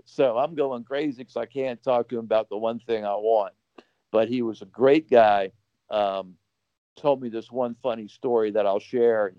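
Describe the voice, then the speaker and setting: A man's voice: medium pitch, moderate pace, no echo, dull audio. A man telling a long anecdote as a podcast guest, rambling casually with fillers and restarts. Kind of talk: casual storytelling.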